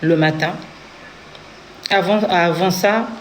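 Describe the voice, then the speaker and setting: A woman's voice: on the low side, slow pace, a little hiss or hum. A woman from Congo with a Congolese French accent, telling her own story in an earnest testimony and acting out what others said. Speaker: interviewee giving a testimony. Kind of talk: personal testimony.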